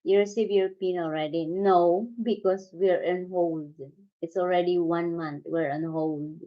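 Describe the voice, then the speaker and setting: A woman's voice: fairly low pitch, fairly even intonation, measured pace. A woman from the Philippines with a Filipino accent, chatting casually with viewers as co-host. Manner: chatty, thanks viewers warmly. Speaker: channel co-host. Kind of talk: casual live chat with viewers. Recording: dull lo-fi stream audio.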